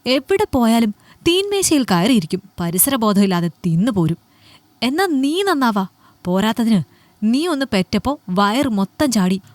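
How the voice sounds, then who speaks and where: A woman's voice: fairly high pitch, big pitch swings, normal speed, dry recording. A woman voicing a harsh, contemptuous middle-aged husband who snaps and belittles his wife in an audiobook story. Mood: scornful, angry. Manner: scornful, belittling, snapping.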